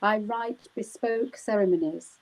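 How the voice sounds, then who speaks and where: A UK wedding celebrant speaks a little slowly in a medium-pitched, darkish voice, heard on a rough recording. Answering live chat interview questions, she goes on at length, leaning on "um" and "you know".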